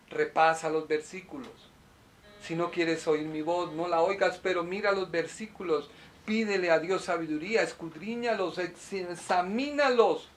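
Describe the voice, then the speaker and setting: A middle-aged man preaching a sermon as a pastor, swinging from loud urging to soft, slow confession, recorded in a small apartment set up as a studio. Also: on the high side.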